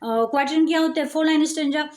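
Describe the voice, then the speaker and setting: A woman gives an exam-prep lecture in a high voice. She explains at an unhurried pace, stretching words and circling back to repeat the key terms so students catch them. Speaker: teacher.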